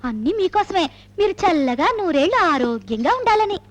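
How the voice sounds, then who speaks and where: An actress playing a devout young housewife who pleads plaintively and sulks in a film scene. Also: female voice, very high voice, big pitch swings, fairly quick, no room sound. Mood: pleading. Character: devout young housewife, pious, sulky, quick to tears. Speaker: wife. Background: film score.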